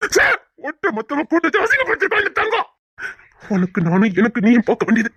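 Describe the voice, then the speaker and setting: Man playing a harsh, husky furious husband. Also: high-pitched, big pitch swings, quick pace, pushed and bright, no room sound, highs cut off, full character voice. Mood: angry scolding. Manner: harsh, scolding. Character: proud, furious young husband shamed in public. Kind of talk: web drama acting.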